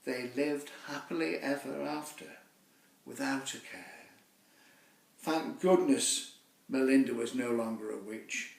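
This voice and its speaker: A poet reads his own rhymed children's poem, telling the story dramatically with slow, deliberate, theatrical phrasing. His voice is mid-range and creaky. He sits some distance from the microphone in an echoey room, so the recording sounds roomy and distant.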